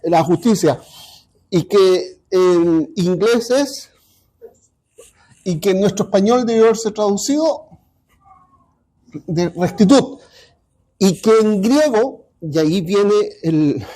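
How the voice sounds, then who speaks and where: A man teaching a Bible study class, pausing often and checking in with his listeners. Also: high-pitched, expressive, dark tone. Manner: halting, repeats ¿ya? to check understanding.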